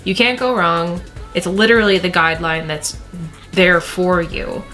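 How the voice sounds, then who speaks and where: A woman's voice: fairly low pitch, a little slow, sharp tone. A woman talking through a makeup tutorial in a chatty, casual way, often repeating words for emphasis, with faint music behind her. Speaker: beauty vlogger.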